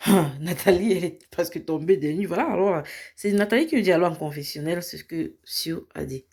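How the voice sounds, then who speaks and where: A woman's voice: on the low side, fairly quick, a little mellow, husky. A woman, a vlogger recapping a reality show in a casual storytelling way. She acts out the people she retells and drops into English phrases.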